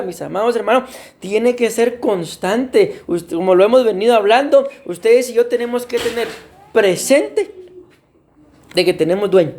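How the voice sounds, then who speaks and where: A man's voice: extremely high pitch, a little mellow. A man preaching a sermon as pastor, often addressing his congregation as beloved brothers and putting questions to them. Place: church.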